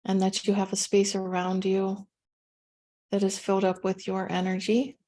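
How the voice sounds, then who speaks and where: Leading a meditation, a woman speaks gently and unhurriedly in a monotone, letting space fall between her phrases. Her voice is mellow and soft-edged, sitting at a typical middle pitch for a woman.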